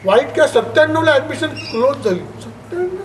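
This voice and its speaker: High-voiced man speaking from a distance. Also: brisk. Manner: lively storytelling, acts out parents' and children's voices. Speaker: education speaker. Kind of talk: public talk to parents. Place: school hall. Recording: distant mic with clear background noise.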